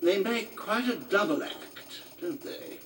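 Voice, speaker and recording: Lively, formal royal adviser. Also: male voice, high-pitched, slow, heavily acted. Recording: distant game audio, background noise.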